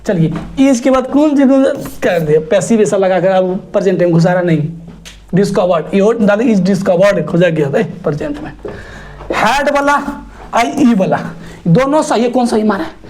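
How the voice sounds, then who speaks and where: Speaking at normal speed in a high voice, a man teaches exam-prep grammar with a lively, teasing style. He spells words letter by letter and chides students with rhetorical questions.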